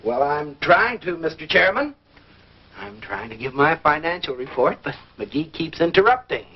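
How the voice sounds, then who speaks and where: Pompous American committee chairman, high lively voice, earnest, old radio comedy, dull recording. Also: normal speed, slightly rough. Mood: defensive. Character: self-important, glad-handing lodge committee chairman. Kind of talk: mid-century American radio comedy acting. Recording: dull, faintly noisy vintage radio recording.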